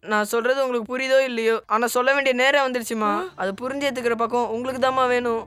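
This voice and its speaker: A man's voice: extremely high pitch, steady tone, fast, pushed and bright, clear, resonant tone, no room sound. A man playing a pleading tearful son. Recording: film soundtrack with music behind.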